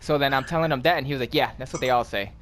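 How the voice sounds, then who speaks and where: A gaming channel host with an American accent tells friends a story at a racing clip, loose, slangy, and full of swearing, performing the dialogue as he goes. His man's voice is mid-range and a bit bright.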